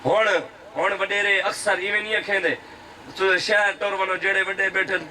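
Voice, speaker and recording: A man giving an impassioned sermon, telling stories and preaching with fervor, rising now and then to shouts. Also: high voice, little pitch movement, far from the mic, a little hiss or hum. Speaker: pir addressing a religious political gathering.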